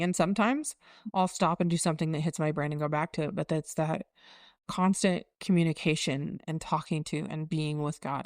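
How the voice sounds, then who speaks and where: A woman's voice: sits low, a little mellow, dry recording, studio quality. A woman in her forties co-hosting a casual faith podcast, reflective and explaining things in a teaching tone. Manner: reflective, circling back, teaching tone. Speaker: podcast co-host.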